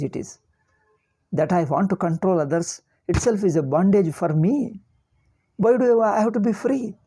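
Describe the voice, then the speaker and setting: Mellow, husky South Indian-accented older speaker. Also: medium pitch. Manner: repeats words and phrases emphatically. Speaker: spiritual teacher. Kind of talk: informal religious discourse.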